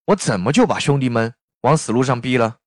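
A man's voice: medium pitch, animated, a little fast, dry recording, studio quality, close to an everyday voice. A man voicing a reluctant general who protests and then lays down firm commands, as a storyteller. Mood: protesting. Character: reluctant general, a man pressed to take the throne.

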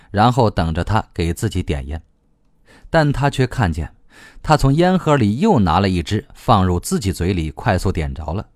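Lively, low-voiced male audiobook narrator. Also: dry recording, studio quality. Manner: lively, expressive reading.

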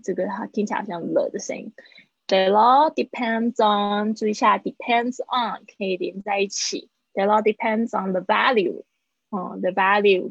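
A woman teaches English in a livestream lesson. Her voice is a bit breathy, at a middle pitch. She says the phrases slowly, then explains them briskly, and the dry recording sounds slightly muffled. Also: no echo. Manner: slow drilled English phrases between quick Mandarin explanations.

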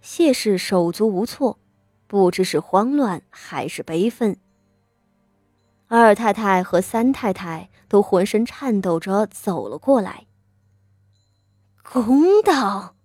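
A woman with a gentle, sweet voice narrating an audiobook in a measured storytelling manner. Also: mid-range voice, dry recording, clean studio sound, faint music behind.

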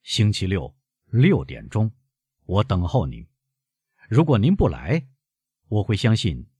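A man voicing a suave, mysterious nobleman who speaks in a measured, courtly way, in an audiobook of a classic novel. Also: on the low side, a little mellow, slightly rough, no room sound, exaggerated voice.

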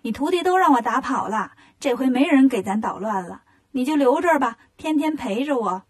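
A woman's voice: high-pitched, lively intonation, a little fast, husky. A woman doing a coaxing female demon. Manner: coaxing, teasing. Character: scheming, flirtatious female demon in a cave.

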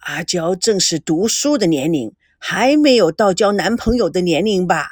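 A woman voicing a reserved elderly grandfather who talks slowly and quietly. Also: lively intonation, dry recording, studio quality. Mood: gruff restrained. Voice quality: slow, low, measured.

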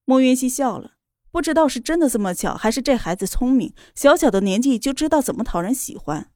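A woman reading a romance novel aloud in a steady, even storytelling voice. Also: sits high, a little fast, no room sound, clean studio sound. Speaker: narrator. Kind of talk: scripted novel narration.

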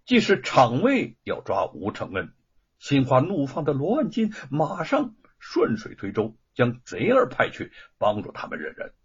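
A man narrating a novel as an expressive storyteller. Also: measured pace, breathy edge. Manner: expressive storytelling with swooping pitch. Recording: dull lo-fi recording.

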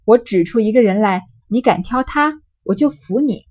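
A woman's voice: fairly high pitch, lively intonation, normal speed, darkish tone, no room sound, studio quality. A woman voicing a blunt, tomboyish teenage girl who teases her friend directly. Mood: chiding.

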